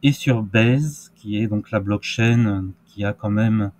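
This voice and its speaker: A man talks through crypto charts in a casual, hesitant way, full of fillers and restarts. His voice sits low and he takes his time. A faint noise hums in the background. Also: slow pace, a little mellow. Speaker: crypto market commentator. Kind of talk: casual screen-share market analysis.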